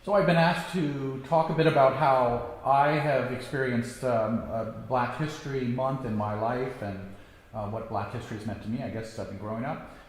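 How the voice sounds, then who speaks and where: A man in his sixties giving a reflective personal talk, halting with many ums and restarts. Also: mid-range voice, fairly even intonation. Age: 60s. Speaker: guest speaker. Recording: echoey hall, faint background noise.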